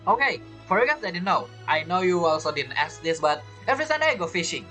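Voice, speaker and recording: A young adult gaming streamer gives chatty, playful commentary over a playthrough, reacting to the characters. His high, bright voice swings widely in pitch, coming fast and forceful over faint music.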